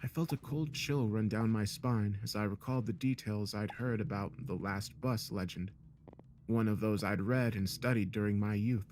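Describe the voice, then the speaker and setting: Male narrator with a low voice for first-person horror, calm and measured. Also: slight background noise. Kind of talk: scripted narration.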